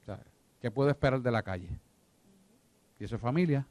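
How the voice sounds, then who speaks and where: A man's voice: mid-range voice, a little fast, a little mellow, dry recording. A man teaching a church discipleship class, emphatic and repetitive, often asking if his listeners follow him. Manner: emphatic, repeats himself, asks listeners if they follow.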